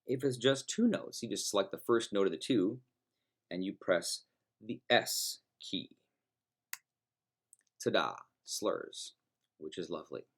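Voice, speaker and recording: A man teaching music students how to use a notation program, explaining each step in a relaxed, folksy way. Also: fairly low pitch, normal speed, husky. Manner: relaxed, folksy, talks through clicks step by step. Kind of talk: screen-recorded software tutorial.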